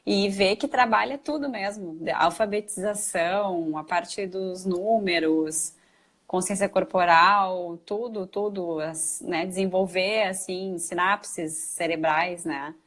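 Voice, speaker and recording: A woman's voice: medium pitch, fairly bright tone. A woman hosting a live stream over a video call, chatting casually and enthusiastically affirming her guest. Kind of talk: casual chat.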